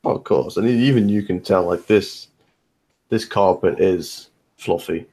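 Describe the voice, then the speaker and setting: A man's voice: low voice, unhurried, mellow, breathy edge. A man narrating as game master of a tabletop game, speaking in a laid-back, rambling way full of fillers.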